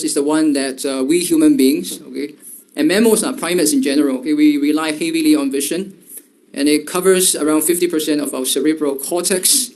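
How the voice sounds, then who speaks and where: A man's voice: fairly high pitch, darkish tone. A male lecturer giving a university lecture, talking in a loose way full of fillers and repeated "right?" checks.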